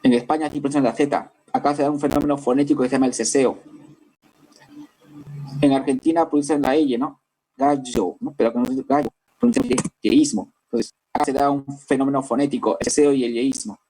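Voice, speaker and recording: This classroom lecture comes from a Peruvian man whose Spanish carries a Lima accent. He speaks briskly at medium pitch with fairly even intonation, his tone dark and a little breathy, walking through the material step by step and regularly checking that the class understands. Audio quality is poor.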